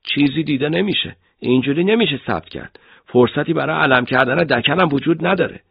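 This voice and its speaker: A man voicing a stern army lieutenant who is quick to anger, in a husky voice in an audiobook. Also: on the high side, no echo, lo-fi sound, voice pushed up. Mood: frustrated.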